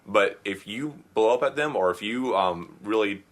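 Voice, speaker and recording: A podcast co-host with a fairly low voice offers advice in a relaxed, expressive way at a normal pace. He peppers his casual talk with "you know."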